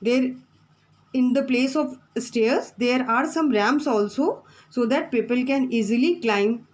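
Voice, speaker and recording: Slow-speaking woman teacher. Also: a little high, low-quality recording. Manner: slow, repeating points and spelling out words. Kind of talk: classroom lesson, reading from the textbook.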